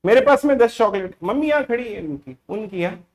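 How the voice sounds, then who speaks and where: A man with a high, animated, slightly fast voice teaches a math class, repeatedly hushing students and telling them to stop commenting and listen. He teases them casually and switches between Hindi and English mid-lesson in this classroom lecture.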